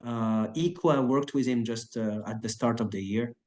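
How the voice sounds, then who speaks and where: Speaking at a moderate pace with a medium-pitched voice, this laid-back choreographer and actor in his 30s chats casually in an interview. His answers wander, peppered with fillers like "uh" and "like" and frequent false starts.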